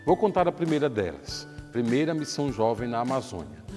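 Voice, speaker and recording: Middle-aged priest over clear music. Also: male voice, mid-range voice, sing-song, brisk, mellow. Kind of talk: narrated storytelling.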